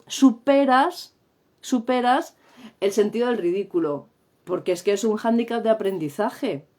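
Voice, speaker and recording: This middle-aged Spanish woman has a Spain Spanish accent and teaches English during a livestream, playful and theatrical as she acts out the sounds. Her pitch is fairly high with a darkish tone.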